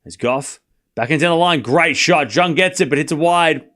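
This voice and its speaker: Casually commentating live tennis, an Australian man boasts and teases, speaking straight to his chat. His voice sits on the high side, a bit bright, at a moderate pace.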